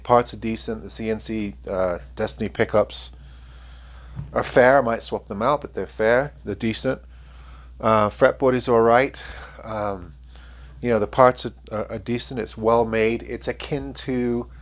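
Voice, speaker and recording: A man reviewing guitars, talking to camera in a frank, rambling way with many fillers and a sniffly voice. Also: medium pitch. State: sniffly from allergies. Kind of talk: casual talk to camera.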